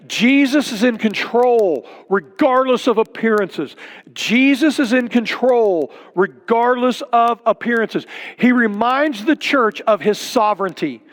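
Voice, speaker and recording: A middle-aged man preaches with earnest, emphatic conviction, driving his points home through repetition. His voice sits high for a man and rings out with a long reverb trail, as in a church sanctuary. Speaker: pastor. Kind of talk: sermon.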